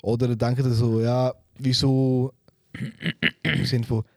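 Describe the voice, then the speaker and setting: A Swiss German man co-hosting a podcast reasons earnestly, arguing a point in casual chat. His pitch is mid-range. The recording is dry and close. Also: level tone, takes it slowly, darkish tone, no echo. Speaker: podcast co-host.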